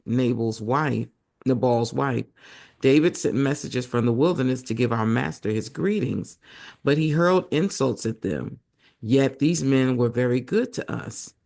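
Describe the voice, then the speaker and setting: A man reading the Bible aloud as a host, hoarse and losing his voice, breaking off for chatty asides to his viewers. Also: mid-range voice, darkish tone.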